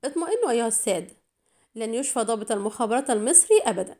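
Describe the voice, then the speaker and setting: A woman's voice: a little high, sing-song, quick pace, darkish tone. Sneering villain agent, as a woman reads him. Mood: mocking. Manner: mocking, taunting. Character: sneering tall lean male villain agent.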